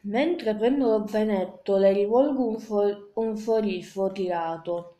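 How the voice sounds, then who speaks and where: Woman reading novel aloud, slow, stumbling, mellow, roomy echo. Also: mid-range voice. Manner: halting reading with frequent stumbles and restarts. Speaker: amateur reader. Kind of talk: first-person novel reading. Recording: echoey room.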